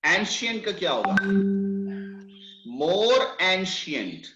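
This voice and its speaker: Slow-talking male teacher. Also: high-pitched, big pitch swings, music in the background. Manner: slow, questioning students by name. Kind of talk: online English grammar lecture. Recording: echoey, dull online class audio.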